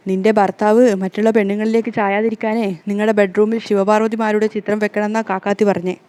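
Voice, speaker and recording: A woman putting on a loud wailing mother. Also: mid-range voice, level tone, fast, clean tone, close to an everyday voice. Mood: scolding. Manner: loud, lamenting. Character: wailing dramatic middle-aged mother.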